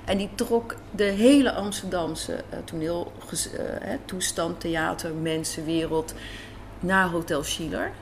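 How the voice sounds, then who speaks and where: Against faint café sounds and slight background noise, a woman speaks at a measured pace in a fairly low, steady voice. She's being interviewed in a hotel café about her work writing and directing radio drama, and she shares stories in a relaxed way.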